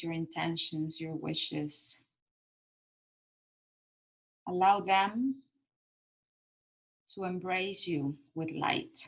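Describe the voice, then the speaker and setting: A woman meditation guide speaks in a slightly low voice at a very slow pace. She leads a calm grounding exercise with gentle, soothing instructions. Her short phrases are set apart by pauses. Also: low-quality recording.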